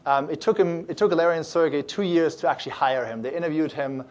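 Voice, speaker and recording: A startup accelerator's founder, talking fast in a fairly high voice, delivers an upbeat, animated conference talk. His speech wanders, with lots of fillers and restarts along the way.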